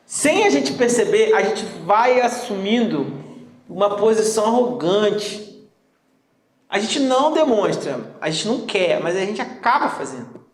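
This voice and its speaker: A man preaching a sermon as pastor, joking and acting out little dialogues. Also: sits high. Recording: echoey room.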